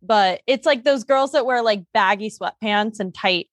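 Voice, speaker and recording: A young adult woman co-hosting a podcast in casual, comedic chat, blunt and dramatic and quick to swear. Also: mid-range voice, dry recording. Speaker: podcast co-host.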